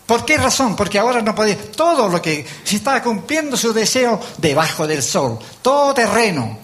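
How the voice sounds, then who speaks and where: A man's voice: high voice, big pitch swings, moderate pace, a bit bright. An older man with a Chilean accent preaching a sermon, telling folksy stories and acting out the voices in them. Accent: Chilean Spanish. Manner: folksy storytelling, acts out voices. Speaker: lay preacher.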